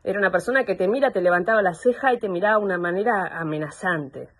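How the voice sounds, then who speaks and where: Husky young Argentine woman testifying. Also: lowish voice. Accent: Argentine Spanish. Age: young adult. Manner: halting, searching for words. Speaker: complainant in a psychological assessment. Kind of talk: personal testimony. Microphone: video call.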